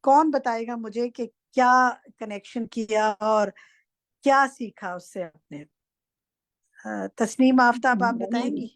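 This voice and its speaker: Speaking at a fairly high pitch, this teacher runs an interactive online lesson where she puts questions to students and sets them straight without hesitation. No room sound comes through her class microphone.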